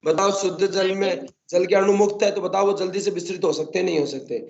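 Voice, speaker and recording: Guy teacher pushing the class for answers, kinda high voice, dull lo-fi sound. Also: fairly even intonation, brisk, gravelly, a little mellow. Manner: coaxing, keeps asking students to answer. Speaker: botany teacher. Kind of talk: classroom lecture.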